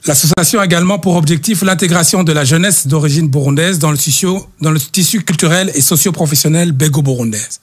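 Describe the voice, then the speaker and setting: A middle-aged man from Belgium, a guest speaking earnestly in an interview, halting and repeating words as he searches for them. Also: on the high side, slightly rough. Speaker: guest, association representative. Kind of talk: earnest testimony in a talk show interview.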